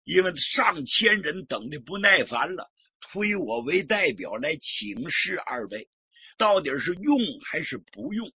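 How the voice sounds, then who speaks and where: A man doing a gruff, pleading big warrior, lo-fi sound. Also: big pitch swings, measured pace, pushed and bright, no room sound, full character voice. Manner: gruff, pleading, lower-voiced. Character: big rough-mannered male warrior, blunt and humble. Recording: dull lo-fi recording.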